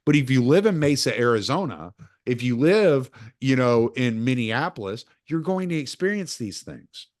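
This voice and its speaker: A man hosting a casual interview podcast, talking in an opinionated, lively way. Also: medium pitch, normal speed, dry recording, studio quality. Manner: opinionated, animated when quoting others. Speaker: podcast host. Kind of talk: casual conversation.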